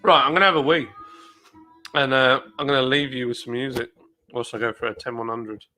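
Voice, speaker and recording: A chatty man hosts a late-night live chat, rambling from one thing to the next and reading out viewer comments. His voice is bright and forward. Faint music plays behind him. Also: mid-range voice, fairly even intonation, a little fast. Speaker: live stream host.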